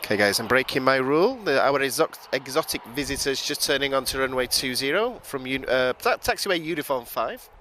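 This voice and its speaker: A man with a hoarse, gravelly voice giving chatty live commentary on planes from outdoors at an airport, often calling his viewers guys. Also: medium pitch, animated, fairly quick, hardly any pauses, bright, forceful tone, a little hiss or hum.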